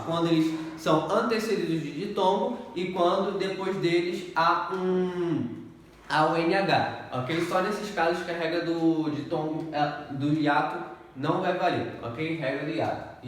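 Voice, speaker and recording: A male teacher giving an exam-prep grammar lesson, explaining step by step and often checking in with the class. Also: fairly high pitch. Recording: echoey room, distant mic, faint noise.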